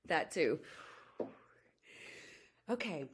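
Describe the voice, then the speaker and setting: A woman's voice: mid-range voice, very noisy. Frank, swearing woman podcast host. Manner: frank, swears freely, laughs often. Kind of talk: casual chat. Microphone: video call.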